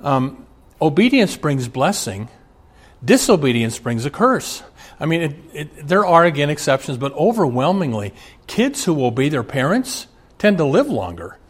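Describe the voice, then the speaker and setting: A man's voice: a little high, very animated, normal speed, husky. A middle-aged man from Omaha preaching a sermon as pastor, speaking earnestly and addressing fathers directly with rising emphasis. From Omaha, USA.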